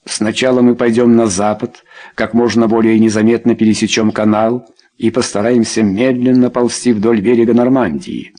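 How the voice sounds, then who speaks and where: A man reading the lines of a brisk, authoritative English lord in an audiobook. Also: on the low side, flat delivery, warm tone, close to an everyday voice. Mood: commanding. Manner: clipped, authoritative. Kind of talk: audiobook character voice.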